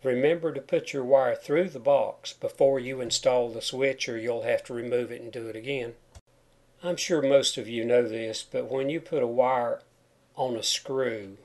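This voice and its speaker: A man gives plain, step-by-step instruction in the manner of a homemade tutorial. His mid-pitched voice has a noticeable whistle on sibilants, caused by a chipped tooth. He explains each point simply, as a do-it-yourself instructor. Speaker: DIY home wiring instructor. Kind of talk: narrated how-to tutorial over photos.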